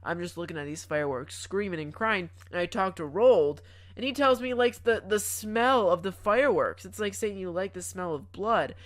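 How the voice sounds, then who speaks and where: A woman's voice: fairly low pitch, animated, normal speed. Mock-panicked young woman gamer. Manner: dramatic, mock-panicked storytelling with stammered restarts. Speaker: gaming YouTuber. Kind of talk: comedic gameplay narration.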